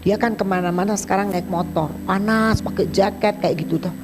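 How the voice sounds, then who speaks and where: Lively woman preacher telling a story. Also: mid-range voice, fairly quick, music in the background. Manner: animated, acts out both sides of dialogues in a chatty colloquial way. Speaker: evangelist preacher. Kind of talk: sermon with storytelling.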